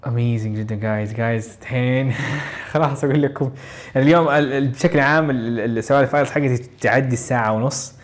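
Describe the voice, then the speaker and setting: A man hosting a live audio question-and-answer session, giving casual advice in a chatty, encouraging way. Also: medium pitch. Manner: rapid, chatty, with frequent restarts and encouraging asides. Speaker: host of a live audio Q&A for exam learners.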